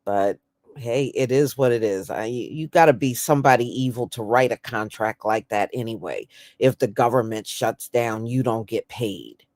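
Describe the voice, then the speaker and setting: An American woman hosts an online news commentary stream, offering blunt, folksy, casual and opinionated takes. Her voice is rumbling and low with a darkish tone, delivered at a moderate pace in a dry recording.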